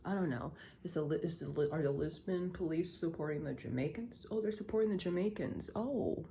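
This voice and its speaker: A woman's voice: sits low, a little fast, gravelly, mellow, a little hiss or hum. A woman vlogging to camera in a heated, rambling rant, swearing often and restarting her sentences. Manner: rambling, profane, heated, many fillers and restarts.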